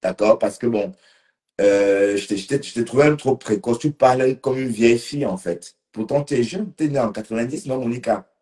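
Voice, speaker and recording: A man hosts a casual live stream after a couple of drinks. His voice sits at an ordinary middle pitch. He rambles loosely and speaks straight to his commenters by name. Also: brisk, darkish tone. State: slightly tipsy.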